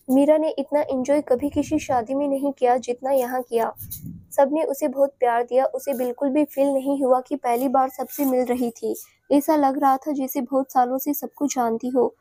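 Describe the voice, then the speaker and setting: A woman narrating a romantic audio story in a steady, even storytelling manner. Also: high voice, dry recording.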